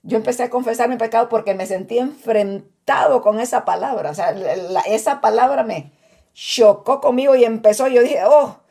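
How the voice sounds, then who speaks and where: Warm-toned woman teaching the Bible. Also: on the high side, moderate pace, creaky, breathy edge. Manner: animated, acts out quoted voices, laughs often. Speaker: Bible study co-host.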